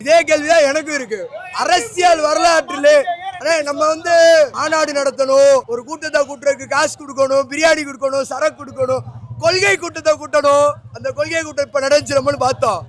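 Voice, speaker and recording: A man shouting fervently in a street interview outdoors. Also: extremely high pitch, fairly even intonation, fairly quick. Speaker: fan interviewed at rally.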